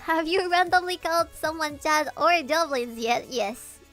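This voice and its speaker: A woman with a fairly high voice talks off the cuff to her livestream audience. She is animated and giggly, and her pitch lifts when she gets excited. Faint music plays behind her. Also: moderate pace. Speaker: VTuber streamer. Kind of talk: casual livestream chat, answering viewers.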